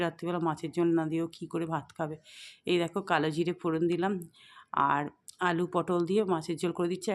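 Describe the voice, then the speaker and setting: A woman narrating a home cooking vlog as a voice-over, speaking softly and slowly, tired and weak, with chatty asides to her viewers. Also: lowish voice. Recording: echoey room, faint background noise.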